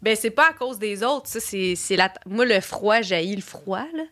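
A young woman with a Quebec French accent is a guest in a casual chat, animated and laughing, sometimes yelling for effect. Her voice is mid-range and her pace moderate.

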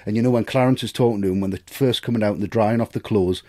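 A man's voice: on the low side, very fast, a little mellow, dry recording, clean studio sound. A man enthusing about film technique in casual, sweary podcast chat.

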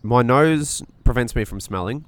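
With a clear, resonant, medium-pitched voice, this nasal-sounding man co-hosts a podcast at a moderate, animated pace. His reflective, casual talk is earnest and exploratory, full of false starts.

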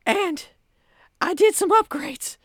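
A man voicing a gleeful scheming villain who taunts the party over an intercom during a tabletop game, in a high, theatrical gloat. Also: lively intonation, slow, fairly bright tone, no room sound, clean studio sound, exaggerated voice. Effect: intercom announcement. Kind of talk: tabletop game role-play.

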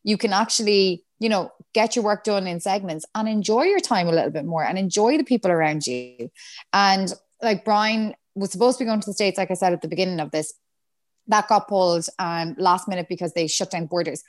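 A woman's voice: mid-range voice, fairly quick. A woman from Galway with a west of Ireland accent, chatting casually and expressively, acting out little quotes as she tells stories. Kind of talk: casual chat.

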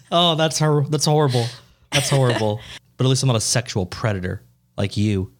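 Teasing young man podcast co-host. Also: normal speed. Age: 20s. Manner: teasing, laughs often, voice jumps high when excited. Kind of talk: casual podcast banter.

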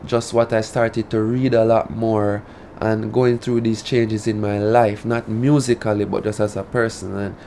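A man's voice: fairly low pitch, level tone, a little slow, gravelly, few pauses, dark tone, slight background noise. A man with a Jamaican accent and a rural drawl, a Patois speaker talking casually as an artist being interviewed. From rural Jamaica (Saint Elizabeth). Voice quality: country drawl.

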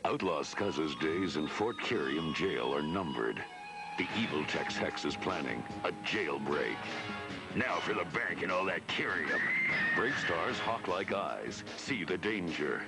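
Male toy commercial announcer, low-pitched, eighties action-figure drama, booming music behind. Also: expressive, unhurried, gravelly, full character voice. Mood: dramatic.

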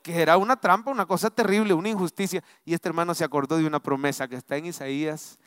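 A man with a Salvadoran accent preaching a live sermon to his congregation, swinging from loud exhortation to soft, low asides. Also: steady tone, fast, clean tone, no echo, clean studio sound. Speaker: pastor. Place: church sanctuary.

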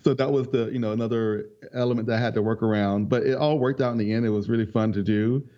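This soft-spoken young man from North Carolina has a mid-range voice and plays multiple instruments. Being interviewed casually, he rambles in a relaxed way, with plenty of ums and short laughs, all captured on dull lo-fi audio.

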